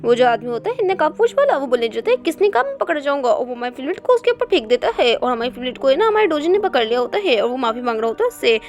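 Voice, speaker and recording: A woman narrating a story recap in a fast, animated retelling. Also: sits high, faint music behind.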